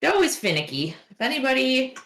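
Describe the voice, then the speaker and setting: A woman's voice: high-pitched, very animated, a little fast, creaky, fairly bright tone, reverberant. A woman hosting a baking livestream, chatting casually and rambling with lots of "like" fillers. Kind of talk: casual chat while baking. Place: home kitchen.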